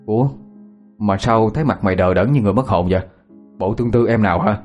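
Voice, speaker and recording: A man voicing a loud, mocking young village man. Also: fairly low pitch, fast, faint music behind, natural voice. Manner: loud, needling.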